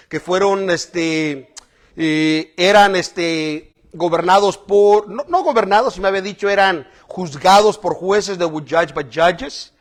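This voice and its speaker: High-voiced bilingual preacher man. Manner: switches between Spanish and English, animated with laughs. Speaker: bishop preaching. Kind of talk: bilingual sermon.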